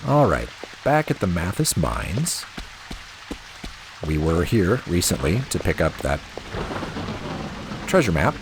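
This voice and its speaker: Relaxed and dryly humorous, a very low-voiced man narrates his gameplay as a let's play host, reasoning aloud without hurry. Rain patters steadily and clearly in the background, and his pitch jumps widely when he reacts.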